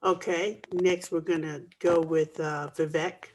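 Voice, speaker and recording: A woman's voice: sits low, fairly even intonation, a little slow, poor audio. Chatty woman hosting a video call. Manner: friendly, chatty. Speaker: host. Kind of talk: casual virtual meeting.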